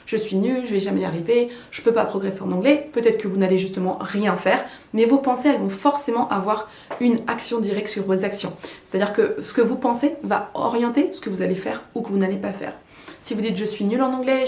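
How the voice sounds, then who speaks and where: A young adult French woman coaching English learners in a lively, chatty way with many fillers. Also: fairly high pitch. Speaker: English teacher and YouTuber. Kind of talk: casual coaching talk to camera. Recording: echoey room.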